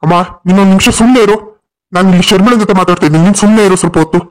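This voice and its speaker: A stern family man in a cartoon story lectures and scolds bluntly. His male voice sits fairly high. A man plays him. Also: racing, lightly acted. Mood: angry. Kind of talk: cartoon voice acting.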